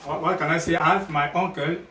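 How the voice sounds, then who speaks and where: A man from Cameroon with a Cameroonian accent presents products informally, in a halting way that repeats and rephrases as he goes. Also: fairly high pitch, steady tone, pushed and bright. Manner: halting, repetitive, rephrasing phrases several times. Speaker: health product sales partner, guest presenter. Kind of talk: informal livestream product pitch. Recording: echoey, noisy, distant livestream mic.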